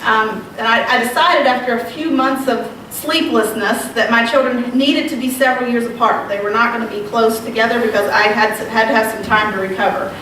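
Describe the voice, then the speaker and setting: Her voice is a little high, a bit bright and fairly even in intonation, moving a little fast with hardly any pauses. She's a woman in her thirties from Southwest Virginia with a slight Southern accent, giving a casual, self-deprecating retreat talk full of ums. The recording, made at a distance in a large echoey room, is very echoey and noisy.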